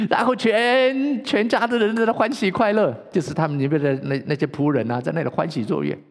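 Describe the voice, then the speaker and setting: A man preaching a sermon as pastor, who tells the story in a lively way and acts out its characters in a church sanctuary. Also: high-pitched, normal speed, vocal fry. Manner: animated, acts out the story, laughs. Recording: long church reverb.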